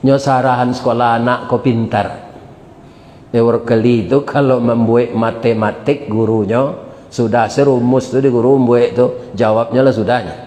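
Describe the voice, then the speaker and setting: A man's voice: mid-range voice, a little hiss or hum. Male preacher in an echoey hall. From West Sumatra. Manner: animated, emotional storytelling with laughter. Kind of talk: storytelling sermon. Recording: echoey hall with long reverb.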